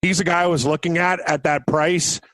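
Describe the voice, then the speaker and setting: A man co-hosting a golf betting show in casual chat, joking, blunt, and quick to laugh. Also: fairly high pitch, steady tone, a bit bright, dry recording.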